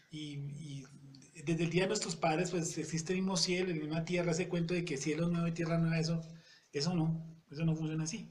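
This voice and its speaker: A man teaching a Bible study in a conversational way. He often checks in with the audience and reads scripture verses slowly and deliberately. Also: fairly high pitch. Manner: conversational, keeps asking "yes or no?" to the audience.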